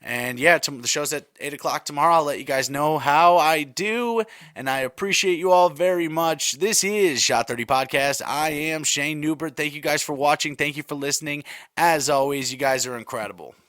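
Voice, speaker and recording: A man's voice: on the high side, normal speed, fairly bright tone, dry recording. Rambling thirty-something man, dry close sound. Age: 30s. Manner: rambling, conversational, repeats himself, many fillers. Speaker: podcast host. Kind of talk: casual solo podcast chat.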